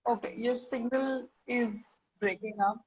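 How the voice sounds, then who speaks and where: A woman's voice: fairly high pitch, fairly even intonation, measured pace, a little hiss or hum. A woman hosting a live online interview, speaking over a breaking-up video call connection and briefly checking whether the link still works. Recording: distant, choppy online call audio.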